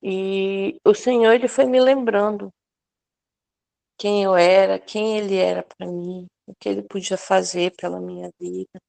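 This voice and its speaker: A woman's voice: medium pitch, fairly even intonation, a little slow, vocal fry, warm tone. A woman sharing a personal testimony with a prayer group, talking earnestly with many restarts and fillers.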